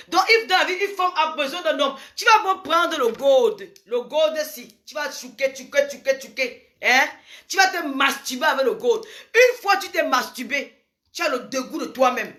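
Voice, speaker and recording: Lady ranting advice, high bright voice, repeats herself, big exclamations. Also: lively intonation, moderate pace. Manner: emphatic, repetitive, exclaiming. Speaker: advice vlogger. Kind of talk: frank advice monologue.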